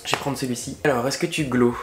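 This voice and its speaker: Young male makeup vlogger, excitable and chatty, mid-pitched voice, echoey room at home. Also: fast, music in the background. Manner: chatty and excitable, gushing over products with slang. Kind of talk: casual makeup tutorial chat. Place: indoor room at home, facing a window. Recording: roomy echo.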